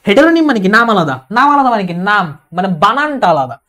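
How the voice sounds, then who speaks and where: A woman gives an exam-prep English lecture, explaining patiently, repeating key points and reading example sentences slowly. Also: medium pitch, big pitch swings, fairly bright tone. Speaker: English tutor.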